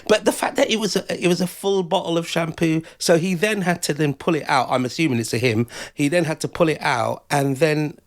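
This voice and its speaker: Fairly high-voiced guy co-hosting radio, teasing and wry. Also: a little fast, few pauses. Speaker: radio co-host. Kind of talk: casual radio banter.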